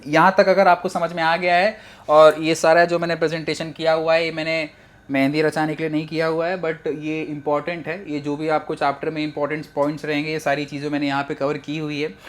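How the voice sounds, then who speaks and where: Young guy teaching biology, kinda high voice, chatty, cracks jokes. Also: flat delivery, fast talker. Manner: chatty, joking, mixes English phrases into Hindi. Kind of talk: casual exam-prep lecture.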